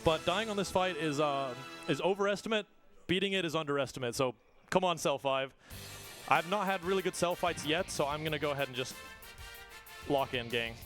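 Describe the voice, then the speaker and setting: A man giving casual, excited live commentary while speedrunning a game. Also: a little high. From not Australian. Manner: casual, excited, talks fast between game moments. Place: live event stage. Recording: game music playing behind.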